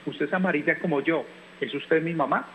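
A man reading aloud and voicing a small, lonely yellow bird boy who is looking for a mother, with a wistful, pleading way of speaking. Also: a little high, a little fast, slight background noise, natural voice, low-quality recording. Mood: hopeful.

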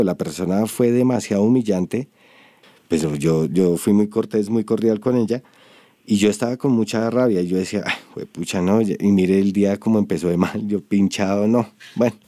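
Earnest Colombian man, low and dark. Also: no echo. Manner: halting, earnest, searches for words. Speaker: storyteller interviewed. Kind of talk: reflective interview.

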